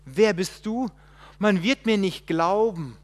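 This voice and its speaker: A man preaching a sermon, shifting between loud emphatic quotations and quiet, reflective passages, with hesitations as he looks up verses. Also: sits high, animated, takes it slowly, big-room sound. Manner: restarts and hesitates while looking up verses.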